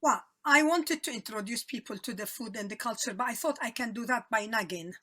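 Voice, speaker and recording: A woman with a Lebanese accent, a cookbook author chatting in an interview, expressive and good-humoured, often laughing. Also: fairly high pitch, brisk. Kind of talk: casual interview chat.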